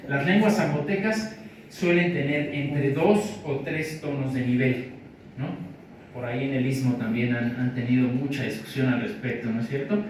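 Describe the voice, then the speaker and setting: A man with a Mexican Spanish accent giving an academic lecture in a conversational way, often checking in with his audience. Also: medium pitch. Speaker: linguistics lecturer. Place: large lecture hall. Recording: echoey hall from far off, faint noise.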